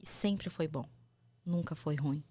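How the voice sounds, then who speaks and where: A woman with a Brazilian Portuguese accent, an actress and mother, talking candidly and softly in a casual conversation. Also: low voice, a little slow, slightly rough, no room sound.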